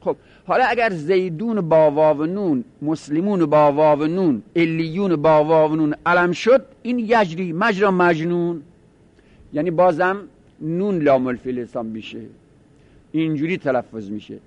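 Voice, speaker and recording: A man with a fairly high voice teaches a grammar lesson. He explains step by step and repeats each example word slowly and carefully. The recording is close and dry. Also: a little mellow, dry recording.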